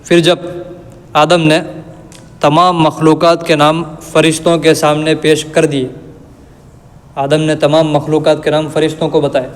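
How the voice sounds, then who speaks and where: A man giving a religious lesson, reciting verses slowly and then explaining them in plain everyday words. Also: fairly high pitch, little pitch movement. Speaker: Quran teacher. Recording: long reverb.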